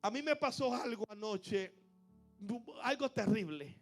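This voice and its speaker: Male pastor with a very high voice, preaching with rising fervor over soft church music. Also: lively intonation, measured pace. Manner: storytelling preacher, builds to loud fervent passages. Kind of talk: sermon.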